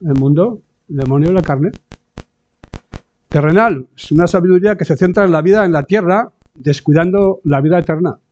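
A male preacher delivers a conversational sermon at a moderate pace in a voice that is a little high but mellow. He repeatedly asks his listeners short tag questions and sometimes performs the voices of those he quotes, all on a dull, lo-fi recording.

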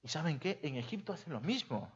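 Dramatic preacher, dull lo-fi sound. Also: male voice, on the high side, sing-song, fast talker, slightly rough. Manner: dramatic, many rhetorical questions, big swings in loudness. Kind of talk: sermon. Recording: dull lo-fi recording.

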